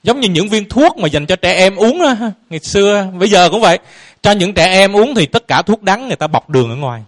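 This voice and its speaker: A man's voice: high voice, sing-song, brisk. A man giving a Buddhist dharma talk to a lay audience as their teacher, throwing out rhetorical questions and chuckling playfully.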